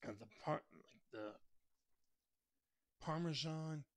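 A man reviews food in a casual vlog, talking while chewing. His delivery is slow and halting, full of fillers. The recording is dry and close. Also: a little high, no room sound. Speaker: mukbang vlogger.

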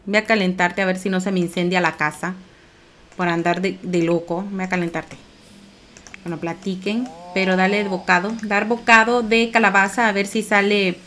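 A woman streamer narrating her life-sim gameplay in a loose, rambling way. Her pitch sits in an ordinary middle range, and she keeps chatting to herself and her viewers, now and then jumping into high, excited squeals. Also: moderate pace, slight background noise. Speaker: game streamer. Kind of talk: let's play commentary.

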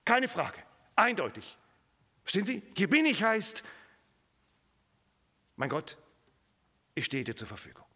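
Husky, animated male preacher in a reverberant hall. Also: high-pitched, unhurried, pauses often. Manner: dramatic swings from whispers to emphatic raised lines; addresses the congregation directly with rhetorical questions. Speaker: pastor. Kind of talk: sermon.

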